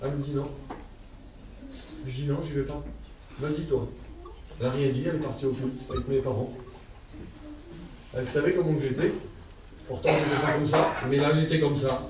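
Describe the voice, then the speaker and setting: A man's voice: medium pitch, fairly even intonation, moderate pace, pauses often, background noise. A man preaching a heartfelt testimony sermon at a church service, with a stammer and simple, fervent speech. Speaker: lay preacher. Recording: distant echoey church hall sound.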